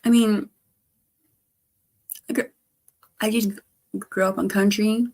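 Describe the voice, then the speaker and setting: A woman livestreamer chatting casually in a halting, rambling way, her speech slightly slurred by missing front teeth. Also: mid-range voice, level tone, darkish tone. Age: adult, grown past teens. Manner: halting, trailing off with repeated stammered starts.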